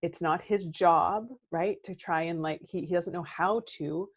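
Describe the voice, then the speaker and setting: Earnest woman therapist, lower voice. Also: unhurried. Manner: earnest, reflective, often asks rhetorical "right?". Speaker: therapist and coach, podcast guest. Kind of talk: casual podcast conversation.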